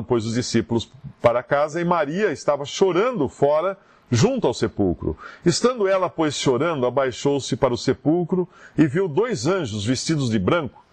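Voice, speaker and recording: Male Bible teacher, very lively intonation, reads scripture with feeling. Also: mid-range voice.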